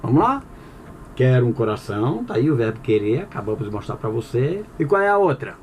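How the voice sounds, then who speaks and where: A man's voice: medium pitch, very animated, fairly quick, a little hiss or hum. A man teaching a Portuguese grammar lesson in a conversational, explanatory way, asking the listener questions and answering them himself. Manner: conversational with frequent "tá bom?" check-ins.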